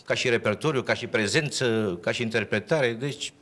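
A man, a musician guest on a TV show, telling a story with many pauses and fillers. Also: mid-range voice, a bit bright. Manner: hesitant, halting storytelling. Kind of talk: casual interview chat. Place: TV studio.

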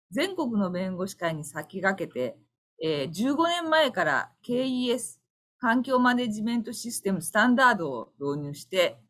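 A woman who is a lawyer and association president, giving a formal, earnest opening address with occasional fillers at an online seminar. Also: fairly high pitch. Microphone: online webinar audio.

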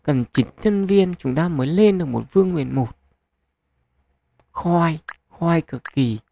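A man casually commenting on a mobile gacha game as channel host, chatty, thinking aloud with lots of fillers and getting excited at lucky pulls. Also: on the high side, takes it slowly, vocal fry.

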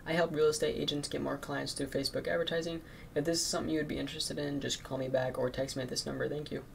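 Nervous and quick, a teenage guy cold-calls prospects for his marketing agency and talks casually between calls, constantly using "um" and "like". His voice is gravelly and full of fry, at a normal male pitch with little pitch movement, and a faint hiss runs underneath.

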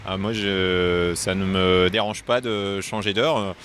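A low-voiced man from France answers slowly, filling pauses. Faint traffic noise sits behind him outdoors. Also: steady tone, fairly bright tone. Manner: slow, with fillers. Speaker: passerby interviewee.

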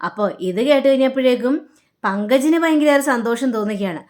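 A woman casually retelling a TV serial episode, chatty, with frequent drawn-out fillers. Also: sits high, a little mellow. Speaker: TV serial recap narrator. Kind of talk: casual storytelling recap.

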